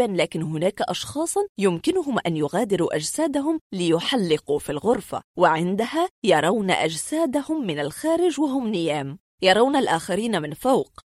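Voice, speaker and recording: A woman voicing a calm, skeptical male doctor who patiently explains things away, speaking low, soft and lecturing. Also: brisk, no room sound, clean studio sound. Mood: explaining. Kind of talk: audiobook reading.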